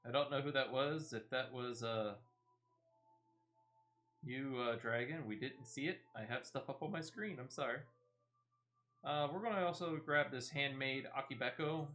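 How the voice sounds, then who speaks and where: A man with a mid-range, sharp-toned voice speaks at a moderate pace, pausing often. He's a game streamer giving casual, playful commentary as he plays, with game music running behind him.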